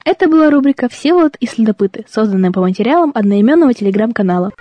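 A woman's voice: on the high side, lively intonation, very fast, loud music behind the voice. A woman reading a scripted radio segment sign-off.

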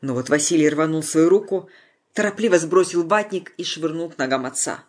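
A reader narrates a story in a calm, measured way. The voice sits in the middle of the range and the delivery is steady and unhurried. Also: mid-range voice. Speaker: audiobook reader.

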